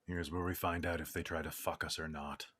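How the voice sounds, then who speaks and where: A man's voice: a bass voice, flat delivery, a little fast, fairly bright tone. A man playing a tabletop game in a casual, joking way. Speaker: player.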